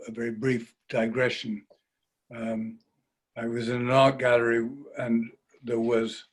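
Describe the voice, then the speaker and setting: A man with a mid-pitched voice, speaking as a biographer on a panel. He is hesitant, often stumbling over and repeating words before he finds them, with a gently wry touch. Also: breathy edge. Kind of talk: panel talk, conversational.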